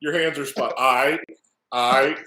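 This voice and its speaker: A man hosting a casual sports talk show, excitable and stammering. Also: mid-range voice, takes it slowly. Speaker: host. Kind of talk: casual interview chat. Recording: echoey room.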